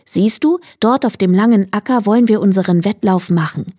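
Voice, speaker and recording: A woman's voice: medium pitch, brisk, dark tone, no room sound, studio quality, lightly acted. A woman voicing a sly, clever male hedgehog in a read-aloud fairy tale, with a confident, cunning manner. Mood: scheming.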